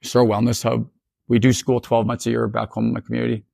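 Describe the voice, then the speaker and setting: A man from northern Saskatchewan giving a storytelling keynote talk as an educator, animated, with frequent restarts and acted-out dialogue. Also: medium pitch, fast talker, gravelly, no room sound, clean studio sound.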